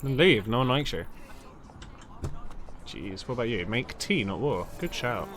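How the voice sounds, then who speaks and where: Man, casual game commentary, rambling, sweary, joking, average pitch, slight background noise. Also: expressive, unhurried, a bit bright. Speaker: gaming streamer.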